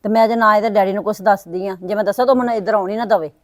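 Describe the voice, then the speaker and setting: Web drama: actress as middle-aged village wife, blunt, rapid, reproachful; dry recording. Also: female voice, medium pitch, fairly even intonation, no room sound, lightly acted. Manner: fast, reproachful, then muttering asides. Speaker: Sukhwinder, sister-in-law. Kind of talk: web series drama acting.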